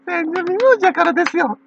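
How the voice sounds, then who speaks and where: Gravelly Kansai woman rambling and laughing. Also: extremely high pitch, expressive, moderate pace, highs cut off, slight background noise. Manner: chatty, laughs often between phrases. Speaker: channel owner. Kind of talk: rambling casual monologue.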